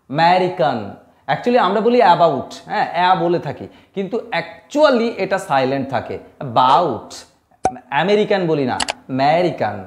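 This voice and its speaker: A man teaching English pronunciation, explaining each rule step by step and repeating the key words. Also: sits high. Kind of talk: spoken English lesson.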